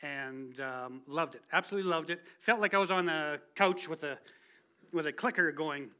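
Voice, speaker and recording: His voice on the high side, sharp yet clear and resonant, a man in his forties speaks at a moderate pace. He's a guest speaker giving a conversational testimony from the pulpit of a church sanctuary, casual and chatty and quick to laugh at himself.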